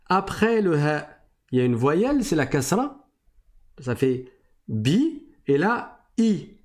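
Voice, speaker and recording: A man gives a recitation lesson at an unhurried, careful pace. His voice sits a little high for a man. He explains patiently and repeats each rule so the class can follow. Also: very animated, a little mellow. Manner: slow, deliberate explaining, repeats rules. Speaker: Quran recitation teacher.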